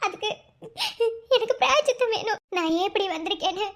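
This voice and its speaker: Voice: animated, a little fast, a bit bright, heavily acted. A voice actor playing a young village woman in a cartoon, pleading through tears in a Madurai Tamil accent. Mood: tearful. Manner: tearful, pleading, high and thin. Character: young village woman begging to wed her love. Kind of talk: cartoon voice acting.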